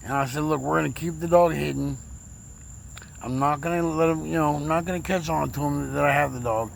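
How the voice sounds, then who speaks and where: A man's voice: on the high side, a little fast, vocal fry, slight background noise, rough recording. A man telling his own story in a rambling, emotional way, his speech slurred after a recent stroke. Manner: rambling, repeats words, emotional. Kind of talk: casual personal storytelling.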